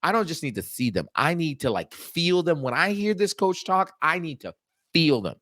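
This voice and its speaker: A man co-hosting a casual sports talk show, emphatic and animated, repeating points for emphasis. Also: fairly high pitch, moderate pace, no echo, studio quality. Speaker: podcast co-host.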